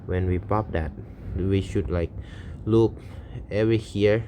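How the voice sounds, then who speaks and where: There's a little hiss or hum behind this slow, deep-voiced man, a channel host and native Thai speaker. His tone is warm and his intonation fairly even as he thinks through a coding problem aloud in halting, self-correcting English.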